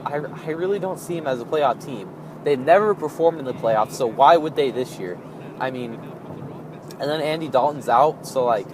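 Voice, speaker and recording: Higher-voiced young man rambling casual gaming commentary. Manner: rambling, informal, repeats and rephrases himself. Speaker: gaming video host. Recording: clearly noisy background.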